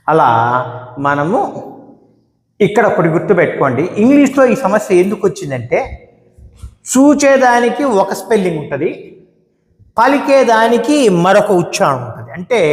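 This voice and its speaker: Male teacher, Telugu accent, high and animated delivery, slow drawn-out examples, reverberant room. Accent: Telugu-accented English. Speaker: English teacher. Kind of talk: classroom-style lesson. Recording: echoey room with long reverb.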